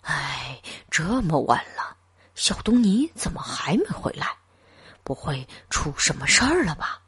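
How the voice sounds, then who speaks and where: A woman voicing an anxious father muttering softly to himself. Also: big pitch swings, a little slow, slightly rough, no echo, clean studio sound, full character voice. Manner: low, soft and half-whispered.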